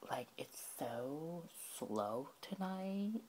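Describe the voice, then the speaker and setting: A man voicing a sarcastic valley girl in a slow, drawling whisper, as a whispered role-play. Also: a little high, sing-song, darkish tone, a little hiss or hum, voice pushed up, heavily acted, low-quality recording. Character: snippy valley girl, young woman, sarcastic.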